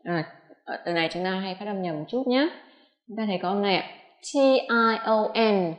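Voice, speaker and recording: Woman pronunciation teacher, slow and careful on example words, roomy echo. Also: mid-range voice, lo-fi sound. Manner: slow, deliberate modelling of English words. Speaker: English teacher. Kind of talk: pronunciation lesson.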